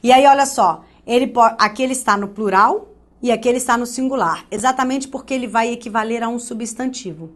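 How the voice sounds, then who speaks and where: A woman from Brazil teaching an online grammar lesson, lively and joking, speaking straight to the student. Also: a little high, fairly quick.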